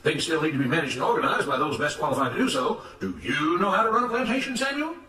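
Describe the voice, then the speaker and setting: In the role of a sanctimonious plantation overseer from a storybook, a male narrator lectures with indignation, talking fast with lively intonation. His raised, bright, oratorical voice carries a slight distance, as if in a roomy space.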